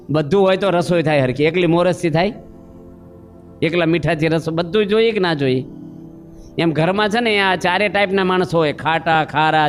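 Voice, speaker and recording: A man preaching a sermon, telling homely stories and questioning his listeners. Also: fairly high pitch. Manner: storytelling with acted voices and questions to listeners.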